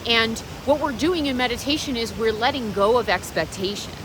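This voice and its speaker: A woman's voice: a little high, normal speed. A woman vlogger talking reflectively and off the cuff outdoors, encouraging the viewer directly. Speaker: vlogger and meditation practitioner. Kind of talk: unscripted reflective vlog talk. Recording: clear steady background noise.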